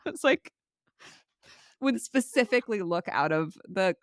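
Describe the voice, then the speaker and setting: A woman co-hosting a podcast in casual conversation, an animated storyteller who laughs often. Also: mid-range voice, unhurried, no room sound, studio quality. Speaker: podcast co-host.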